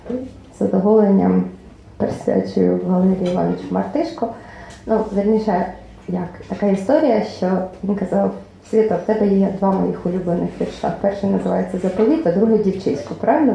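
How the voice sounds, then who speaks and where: A woman reads her own poems aloud at a book launch in a club hall, expressive and measured, letting line endings fade into almost a whisper. Her voice is dark and mellow with a gravelly edge. The hall is very echoey, with faint room noise behind her. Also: mid-range voice. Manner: expressive recitation, lines trailing off softly, nearly whispered. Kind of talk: poetry reading at a book presentation.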